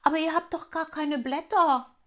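A woman reading aloud, voicing a curious little girl elf from a children's storybook in a high, eager voice. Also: fairly even intonation, normal speed, a bit bright.

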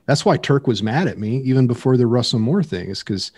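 A middle-aged man hosts a podcast with a pastor's emphatic, preachy delivery. His voice sits in an ordinary middle pitch and climbs when he presses a point. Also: animated, brisk, darkish tone, breathy edge, no echo. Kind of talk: casual podcast discussion.

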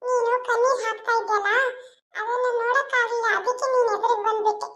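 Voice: very high voice, flat delivery, quick pace, a bit bright. A performer voicing a restless, helpful ghost in a cartoon, eerie and singsong. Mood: soothing. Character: restless ghost seeking peace, gentle and helpful. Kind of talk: cartoon voice acting.

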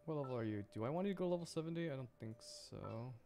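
A VTuber streamer talks to himself mid-game in casual livestream chatter, his medium-pitched voice animated and rapid-fire. It has a gravelly, dark tone, with faint music playing behind.

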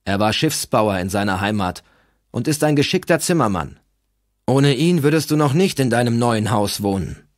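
A man's voice: medium pitch, lively intonation, moderate pace, no echo, studio quality, voice pushed up, lightly acted. A man reading aloud, voicing a determined young Norse leader who pleads earnestly. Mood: insistent.

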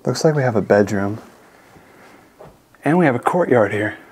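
A young man casually narrating a walkthrough of an empty mansion, talking to his viewers with excitement. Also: mid-range voice, moderate pace, a little hiss or hum. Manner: excited, addresses viewers as guys. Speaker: urban explorer vlogger. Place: large empty mansion indoors.

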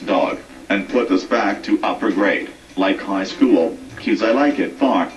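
A man's voice: lowish voice, a little slow, dull audio, natural voice. Synthetic male voice as a rude troublemaking schoolboy. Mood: defiant. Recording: echoey, far-off sound with faint music, taped off a TV speaker.

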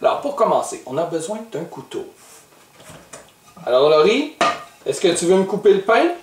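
A Québécois man hosting a kids' cooking show speaks in a high, very animated voice at a moderate pace. He's playful and teasing yet patiently instructive, and his Québécois French accent is picked up from a distance in an echoey room with background noise.

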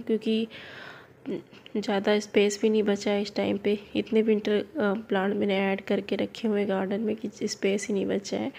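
Gravelly-voiced woman showing her garden. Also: medium pitch, dark tone, a little hiss or hum. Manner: chatty, addresses viewers as friends. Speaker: gardening vlogger. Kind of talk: casual gardening walkthrough. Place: home garden, outdoors. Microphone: phone held in hand.

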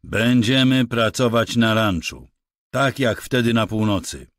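A man voicing a weary, gruff ranch worker who talks bluntly in rough slang, plainly exasperated. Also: mid-range voice, a little slow, a bit bright, no echo, clean studio sound, pitched above the performer's own voice, close to an everyday voice. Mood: stern.

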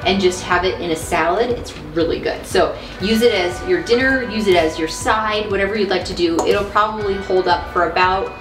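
A woman's voice: mid-range voice, moderate pace, hardly any pauses. A woman in her thirties chatting upbeat and giggly as she demonstrates recipes in a small RV kitchen. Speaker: cooking vlog host. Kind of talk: casual cooking demonstration. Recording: roomy with background music.

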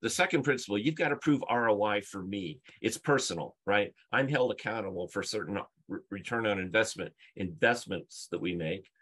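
This middle-aged man, a UX leader who speaks at conferences, is presenting over video from a book-lined room at home. He drives his points through anecdotes and rhetorical questions in a brisk, lower voice that sounds fairly bright with a slight roughness.

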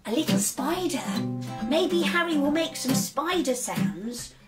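A woman hosting a children's music show, chatting and singing playfully with an animated, sing-song delivery in a garden shed. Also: high voice, measured pace. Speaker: children's entertainer host. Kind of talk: cheerful chat and singing for young children. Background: acoustic guitar.

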